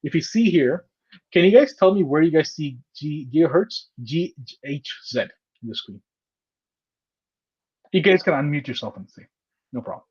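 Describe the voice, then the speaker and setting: A man's voice: a little high, lively intonation, normal speed, long pauses, slightly rough. A man teaching a live online computer class over a video call. He explains step by step and keeps checking in with "okay?" and "right?". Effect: heard over a video call. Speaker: computer course instructor. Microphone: laptop or headset mic on a video call. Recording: muffled video call audio.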